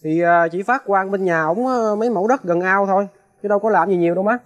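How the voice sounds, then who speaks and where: A resentful young son with a Southern Vietnamese accent, acted by a man, blunt and defiant in a TV crime drama. He talks fast in a fairly high voice. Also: lightly acted. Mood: worried. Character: young adult son, angry and defiant toward his father.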